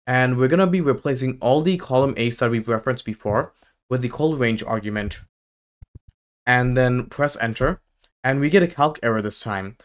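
Man dictating a step-by-step software tutorial. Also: medium pitch. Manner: dictating formula terms piece by piece as he types. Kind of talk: step-by-step screen tutorial narration.

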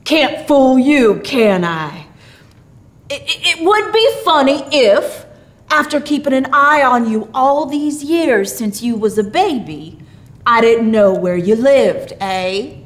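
A woman's voice: high-pitched, lively intonation, takes it slowly, voice pushed up. A woman voicing a jolly, kindly old Santa Claus in a storybook, with a folksy, drawling, reassuring manner. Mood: amused.

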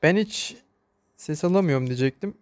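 High-voiced excitable male gamer. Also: moderate pace, slight background noise. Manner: excitable, shouts and pleads when chased. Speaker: gamer streamer. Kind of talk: live gameplay commentary.

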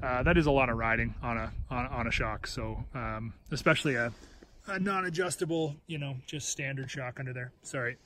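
A man of middle pitch talks in a loose, rambling way, full of restarts and "um"s. He is recording outdoors on a handheld phone. Clear engine noise runs under his voice. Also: fairly quick, a bit bright. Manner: rambling, with restarts and filler words. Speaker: snowmobile reviewer. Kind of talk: casual walkaround review. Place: outdoors on snow beside a snowmobile. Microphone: handheld phone camera.

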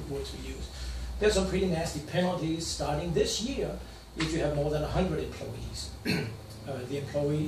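An older man from Denmark with a Danish accent, a financial advisor walking through slides in a plain, matter-of-fact way with some stumbles. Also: a little high. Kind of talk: slide presentation. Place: small room with projector screen. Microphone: far camera. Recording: roomy, distant camera sound with faint hiss.

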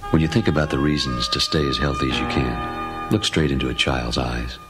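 A man's voice: extremely low pitch, fairly even intonation, a little fast. A man delivering a scripted radio advertisement as its announcer. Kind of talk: scripted ad voice-over. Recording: loud music behind the voice.

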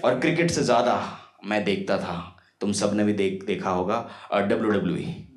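A young man performing a stand-up comedy set on a small club stage into a handheld mic, telling self-mocking stories with animated delivery. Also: lowish voice, moderate pace, noisy background. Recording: roomy club with loud crowd laughter. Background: audience laughter.

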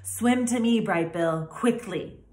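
Woman doing a calm robot mother. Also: mid-range voice, slow, voice pushed up, natural voice. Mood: urgent. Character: calm, plain-spoken female robot mother. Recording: echoey room.

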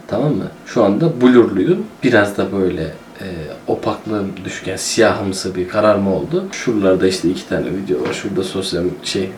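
A man's voice: on the low side, darkish tone, slight background noise. Chatty man playing a city builder. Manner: chatty, joking, talks to himself while playing. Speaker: gaming YouTuber. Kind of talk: casual gameplay commentary. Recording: roomy echo.

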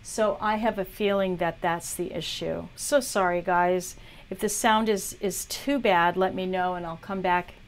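A woman's voice: lowish voice, steady tone, measured pace. A woman teaching art on a livestream, chatting casually as she talks viewers through a drawing demo. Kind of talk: live demo tutorial.

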